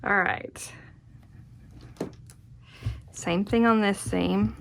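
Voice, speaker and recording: A woman's voice: mid-range voice, steady tone, drawn-out words, gravelly, a little hiss or hum. A woman giving a casual hands-on craft tutorial, chatty and murmuring encouragement to herself as she works. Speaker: quilting tutorial host. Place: indoors at a craft worktable.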